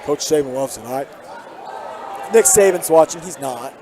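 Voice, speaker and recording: A young American man calling a high school basketball game play by play, excitable and shouting at the big plays. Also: moderate pace. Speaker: play-by-play announcer. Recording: loud crowd and gym noise behind.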